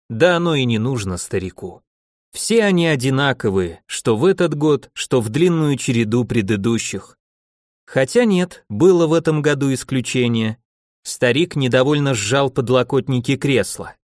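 A man reading a fantasy story aloud with wry, even storytelling. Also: on the high side, no echo, studio quality. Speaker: narrator. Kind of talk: audiobook fantasy narration.

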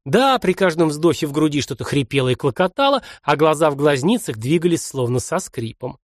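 A man reading an audiobook aloud with expressive storytelling. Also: on the high side, fairly quick, no room sound, studio quality. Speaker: audiobook narrator. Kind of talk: scripted narration.

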